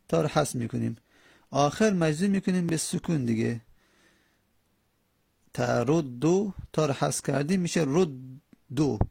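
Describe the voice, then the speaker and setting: Gravelly husky male teacher. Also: on the high side, a little mellow, no echo, clean studio sound. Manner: reads a text line by line and explains it, slow drawn-out example words. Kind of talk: classroom grammar lesson.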